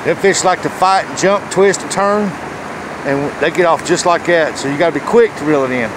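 This middle-aged fishing vlogger has a voice that's a little high and a folksy, plain way of chatting. His arm's-length phone video from a rocky riverbank is noisy, filled with rushing river water and outdoor ambience.

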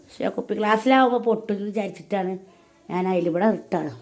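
A woman's voice: medium pitch, fast. A woman, chatting casually to her viewers in a homely home vlog. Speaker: home vlogger. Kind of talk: casual chat to camera.

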